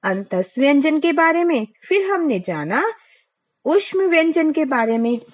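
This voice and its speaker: A woman's voice: high voice, very animated, measured pace. A woman teacher giving a class lesson, asking questions and answering them herself, drawing out sounds as examples.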